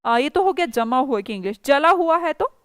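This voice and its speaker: A woman teaching a spoken English class, explaining patiently and saying example sentences slowly. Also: sits high, expressive, fairly bright tone, no echo. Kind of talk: online class teaching, mixing Hindi and English.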